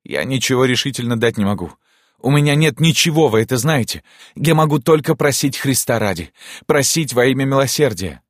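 A man's voice: low voice, animated, normal speed, no room sound, clean studio sound. A man reading an audiobook, voicing a lovesick young prince who pleads with emotion. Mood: pleading.

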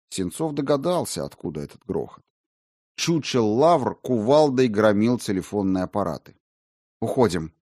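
A man narrating a story in an even, measured way. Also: medium pitch, no room sound, studio quality. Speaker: audiobook narrator. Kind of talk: scripted narration.

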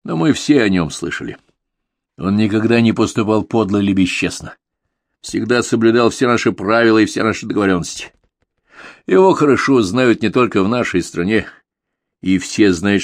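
A man reading a stubborn, calm male hired killer in an audiobook, speaking tersely and deliberately in a hoarse voice. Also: lowish voice, no room sound, studio quality, pitched above the performer's own voice, natural voice.

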